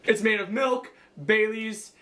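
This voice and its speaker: A man's voice: sits high, fairly even intonation, unhurried, pushed and bright. A young man co-hosting a casual recap show, talking in a blunt, snarky, jokey way. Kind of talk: casual chat.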